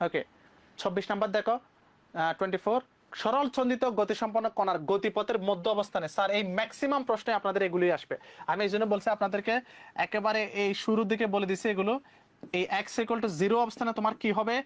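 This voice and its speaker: A young man from Bangladesh with a Bangladeshi Bengali accent, teaching physics exam questions briskly and mixing English terms into his speech. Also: high voice, fairly even intonation. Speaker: physics tutor. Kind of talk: exam-prep lesson.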